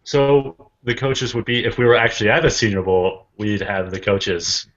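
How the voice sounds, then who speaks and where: A man's voice: fairly low pitch, little pitch movement, moderate pace, a bit bright, muffled recording. A man in casual sports chat with friends, joking and teasing.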